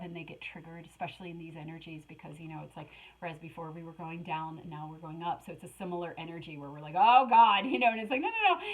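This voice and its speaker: A middle-aged woman giving a casual spiritual tarot reading, talking in an animated, rambling way with many fillers. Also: fairly low pitch, rough recording. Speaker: tarot reader.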